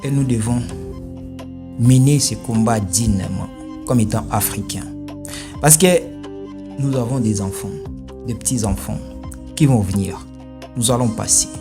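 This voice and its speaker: A man hosting an online news commentary channel, speaking in an emphatic, rhetorical way with forceful peaks. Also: on the low side, measured pace, pauses often, music in the background. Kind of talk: opinionated commentary.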